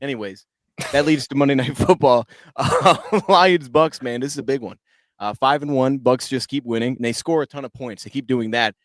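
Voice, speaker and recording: Man, host, casual football chat, mid pitch, dry close sound. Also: moderate pace, no room sound. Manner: casual, chatty, rambling. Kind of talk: sports talk roundtable.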